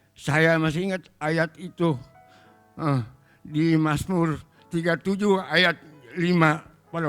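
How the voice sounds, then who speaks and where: A man's voice: a little high, smooth. A middle-aged man giving a spoken testimony in church, telling his story in a plain, emotional way. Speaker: congregation member giving testimony.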